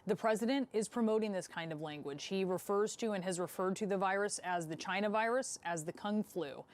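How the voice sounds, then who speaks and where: A woman news anchor delivering a scripted lead-in in a measured way, then interviewing a guest. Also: mid-range voice.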